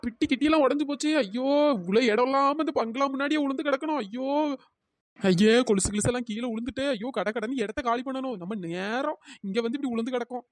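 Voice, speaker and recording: High quick-talking cheeky village girl , a woman voicing her, teasing, dry close sound. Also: no room sound, lightly acted. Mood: scared. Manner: teasing, wisecracking, melodramatic wailing when scared. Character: young village girl bangle-anklet seller, cheeky. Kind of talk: cartoon voice acting.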